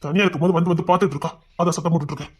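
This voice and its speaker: A man's voice: a little high, fairly even intonation, very fast, husky. An actor playing a hot-tempered young husband who scolds his wife harshly, in a serial-style drama. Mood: scolding.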